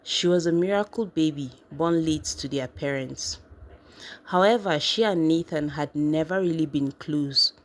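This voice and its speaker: A woman narrating a family drama story in a steady, even reading voice. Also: sits low, a little slow.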